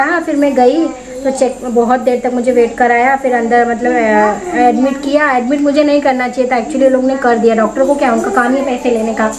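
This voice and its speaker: A young woman from India, a vlogger, telling a personal story to camera in a chatty, animated way and acting out the voices of people she quotes. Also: high voice, slight background noise, rough recording.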